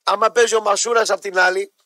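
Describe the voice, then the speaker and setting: A man's voice: high voice, steady tone, pushed and bright, no room sound, studio quality. A man hosting a sports radio show, talking football in a blunt, teasing way and often cutting in over his guests. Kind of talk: casual radio sports talk.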